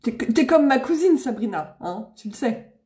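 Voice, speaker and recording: A woman from the Paris region hosts a live makeup stream, talking straight to her followers. Her voice sits high and swings up and down with bubbly exclamations and frequent laughs. The sound carries the echo of a room. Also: lively intonation, normal speed, darkish tone. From Seine-et-Marne, France. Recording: echoey room.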